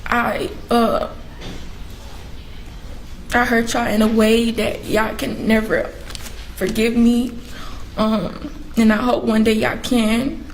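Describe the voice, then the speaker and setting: A woman's voice: a little high, level tone, takes it slowly, long pauses. A teenage or young adult woman giving a sobbing, tearful apology as a defendant's statement in court. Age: teens to young adult. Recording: noisy courtroom audio.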